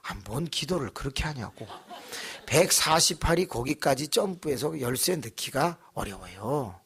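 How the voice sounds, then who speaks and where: A man's voice: mid-range voice, animated, moderate pace, fairly bright tone, husky. A man pastor preaching a sermon in a church, telling a story animatedly and acting out voices.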